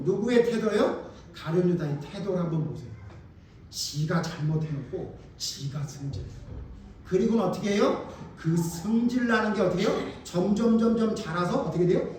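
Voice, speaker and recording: A man's voice: high voice, a little mellow, slight background noise. A male pastor preaching a sermon in a church, emphatic and colloquial, often firing questions at the congregation. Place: church sanctuary. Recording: very echoey hall, mic far off.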